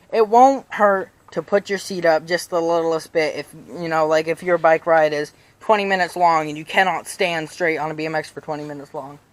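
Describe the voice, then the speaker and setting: A young BMX vlogger rambles through bike tips in a casual how-to vlog, piling on "you know" fillers and restarting his sentences. His voice is a little high and slightly raspy, and he sounds casual. He's recorded on a chest-mounted action camera.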